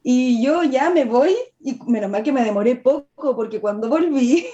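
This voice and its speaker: A Chilean woman, a nail artist and tattooist, telling funny anecdotes in casual chat, animated and laughing as she goes. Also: high voice, unhurried. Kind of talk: casual storytelling. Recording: muffled lo-fi audio.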